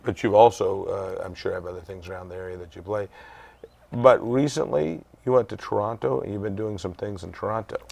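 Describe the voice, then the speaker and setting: Gravelly low-voiced man hosting. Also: fairly quick, darkish tone. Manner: rambling, folksy, full of uhs and restarts. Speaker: show host. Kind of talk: casual interview.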